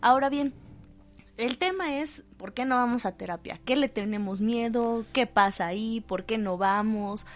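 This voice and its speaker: A woman co-hosting a psychology talk show, explaining in an animated way and acting out short exchanges. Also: fairly high pitch, normal speed. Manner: animated, acts out little dialogues while explaining. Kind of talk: conversational talk-show discussion.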